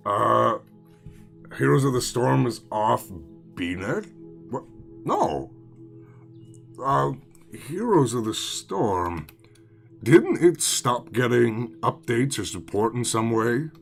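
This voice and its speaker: A man's voice: on the low side, gravelly, fairly bright tone. A man streaming a game, chatting casually with his viewers, rambling, swearing freely and mocking himself. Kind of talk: casual live-stream chat while gaming.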